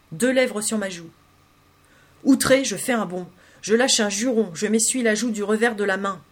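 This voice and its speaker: A woman narrating a literary story in the first person, reading in an intimate, expressive way. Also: mid-range voice. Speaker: audiobook reader.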